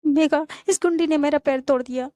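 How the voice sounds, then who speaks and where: A dramatic, easily panicked young woman, put on by a female storyteller, her voice squeaking high and shrill. She stumbles over her words and repeats them in a close, dry sound, with a soft, mellow tone underneath the squeal. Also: brisk, dry recording, close to an everyday voice. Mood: wailing.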